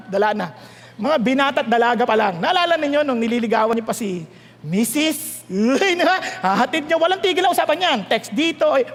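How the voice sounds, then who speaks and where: A man with a Filipino accent preaching a sermon, teasing and animated as he mixes in English. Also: very high-pitched. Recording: long hall reverb.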